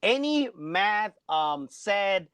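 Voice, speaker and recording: Man, middle-aged, high-pitched, chatty, lots of "like", dry close sound. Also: big pitch swings, extremely slow, a bit bright, smooth, dry recording. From Colombia. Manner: chatty, peppers speech with "like". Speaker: guest, math teacher. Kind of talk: casual interview chat. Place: home basement.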